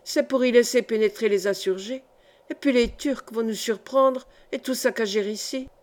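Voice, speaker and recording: A woman's voice: a little high, normal speed, darkish tone, natural voice. A woman reading a frightened, irritable old male monk in a storybook. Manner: irritable and fearful.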